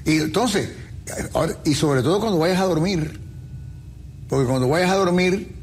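Man preaching on a faith q&a show, kinda high voice, faint hum behind. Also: moderate pace. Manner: preachy, uses everyday comparisons. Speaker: pastor co-host. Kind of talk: faith talk show answering questions.

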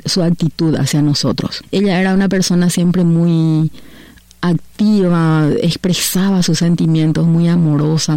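A woman's voice: fairly low pitch, dark tone, no echo. A woman from Paraguay, a guest on a radio interview, speaking hesitantly and often repeating words.

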